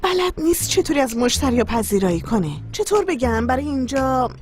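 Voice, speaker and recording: A lively, caring girlfriend. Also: high-pitched. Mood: concerned. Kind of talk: dubbed TV drama. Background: music.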